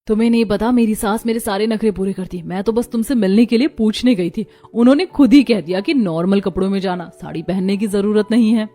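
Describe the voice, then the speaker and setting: A woman's voice: mid-range voice, fast, few pauses, dark tone, close to an everyday voice. Woman voicing young women in a family cartoon. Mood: gentle. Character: young daughter-in-law and sulky daughter.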